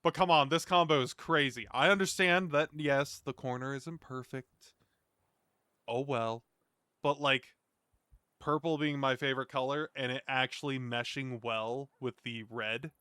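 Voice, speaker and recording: Bright, clear-voiced man chatting casually. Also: medium pitch, fairly even intonation, a little slow, no echo, studio quality. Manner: informal, rambling, mildly sweary. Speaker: streamer reacting to a gaming video. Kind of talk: casual reaction commentary.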